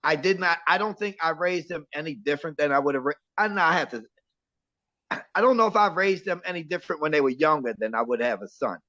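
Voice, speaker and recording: An older man, a guest in casual chat, reflecting on raising daughters in halting, restarted phrases. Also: fairly high pitch, expressive, bright, forceful tone, no room sound, lo-fi sound.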